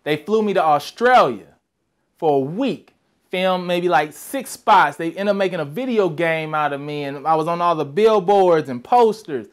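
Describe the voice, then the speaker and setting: A young man with a fairly high voice gives a motivational talk. He tells his story with lively energy and acts out the other people's voices as he goes. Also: normal speed. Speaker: motivational speaker.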